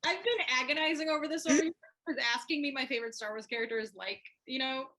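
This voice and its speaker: Female guest, high bright voice, thoughtful chatty manner. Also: fast talker. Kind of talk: casual group chat.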